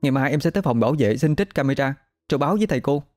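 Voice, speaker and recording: A man's voice: mid-range voice, lively intonation, rapid-fire, a little mellow, faint music behind, pitched above the performer's own voice, natural voice. A man voicing a shaken but determined young female student, speaking in a choked, tearful yet resolute way.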